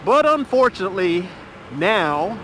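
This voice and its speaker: A middle-aged motovlogger gives casual commentary while riding his motorcycle down a rural road, his voice sitting high. He sounds relaxed and chatty, stretching out filler pauses, and his helmet mic picks up wind, engine and road noise.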